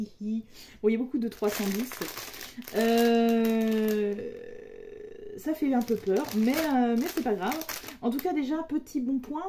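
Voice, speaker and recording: A chatty young woman with a fairly high, mellow voice talks her way through an unboxing. She is playful and loose, laughs easily and jokes as she goes. Faint noise sits under her voice. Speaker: diamond painting vlogger. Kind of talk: casual unboxing chat.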